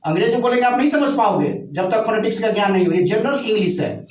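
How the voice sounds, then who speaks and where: A male teacher with a notably high, slightly mellow voice lectures animatedly, going through each point step by step and repeating key words slowly. He asks his students checking questions. Captured from a distance, the sound is roomy and echoing.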